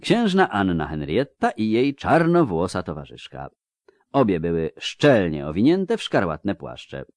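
A man narrating a fantasy novel as an audiobook, in an expressive, measured storytelling manner. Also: sits low, dry recording, studio quality.

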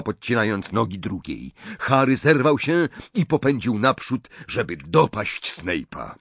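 A man reading an audiobook as the narrator, with expressive, deliberate delivery. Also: on the low side, dry recording. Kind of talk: scripted dramatic narration.

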